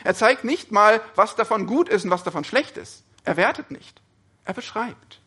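A man's voice: high voice, expressive, moderate pace, sharp tone, slightly rough. A man preaching a sermon, speaking earnestly and often putting questions to his listeners.

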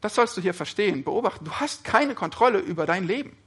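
Male preacher with a high, bright voice; earnest sermon delivery full of rhetorical questions. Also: animated, fast talker, husky.

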